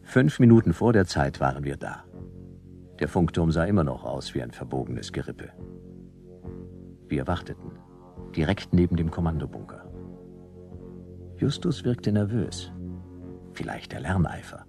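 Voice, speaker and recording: A man's voice: very deep voice, very animated, measured pace, creaky, long pauses, over music, full character voice. A man voicing Jonas, a world-weary private detective narrating a radio play with dry sarcasm. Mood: wry. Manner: dry, sardonic, clipped.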